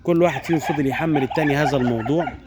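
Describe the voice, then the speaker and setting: A man with an Egyptian Arabic accent informally telling a traditional animal fable as a storyteller, animated and digressive, addressing his viewers directly. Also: fairly high pitch, very fast, background noise.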